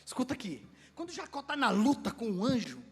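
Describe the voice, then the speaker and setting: A Brazilian pastor with a strikingly high voice preaches with animated energy, acting out scenes and joking with the congregation. His voice rings through a church hall with a long, lingering reverb. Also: fairly quick, slightly rough. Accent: Brazilian Portuguese. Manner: animated preaching, acts out dialogue, jokes with congregation. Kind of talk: sermon.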